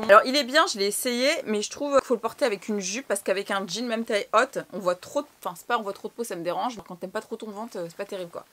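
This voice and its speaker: A woman's voice: fairly high pitch, pushed and bright. Chatty young woman vlogger. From France. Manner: chatty, slangy, swears casually. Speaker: fashion vlogger. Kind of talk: casual haul chat.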